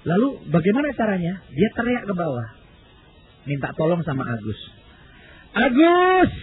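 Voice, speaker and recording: High-pitched preacher guy acting out a story, very animated, tinny lo-fi audio with a little hiss. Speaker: pastor. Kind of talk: sermon storytelling.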